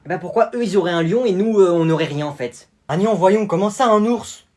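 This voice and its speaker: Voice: mid-range voice, brisk, a little mellow, close to an everyday voice. A performer playing a wealthy, indulgent father in a comedy sketch. He pleads with his son in a raised, anxious voice. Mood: fretful.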